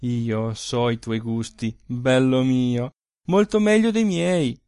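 A man's voice: mid-range voice, slow, darkish tone, clear, resonant tone, no echo, studio quality. A man reading aloud voices a playful, teasing young wife who coyly refuses her husband. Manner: coy, laughing refusals.

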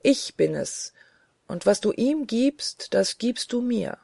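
Otherworldly angel spirit for an audiobook, slow and commanding, dark gravelly tone, voiced by the narrating reader. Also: mid-range voice, expressive, no room sound, studio quality, pitched above the performer's own voice, heavily acted. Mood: solemn. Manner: solemn, prophetic, commanding.

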